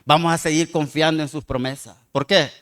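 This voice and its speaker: A man preaching a sermon, reading scripture slowly and loudly and calling the congregation "hermanos" again and again. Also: fairly high pitch, fairly even intonation. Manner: addresses the congregation with frequent "hermano" and "amados hermanos". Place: church.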